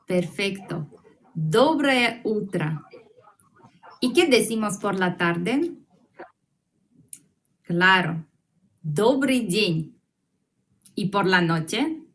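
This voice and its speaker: A woman teaching an online language class, slow and patient, repeating each word for her students to echo. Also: medium pitch.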